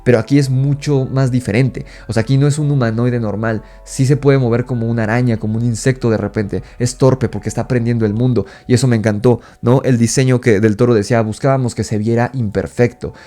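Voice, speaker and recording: A man with a Mexican accent giving an animated, casual film review, rising in pitch when indignant. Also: fairly quick, few pauses, faint music behind.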